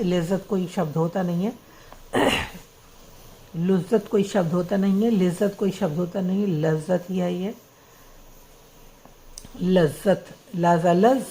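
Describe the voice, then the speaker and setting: A woman's voice: on the low side, mellow, poor audio. A woman teaching Urdu script, patiently spelling out words letter by letter. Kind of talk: slow spelling-out lesson.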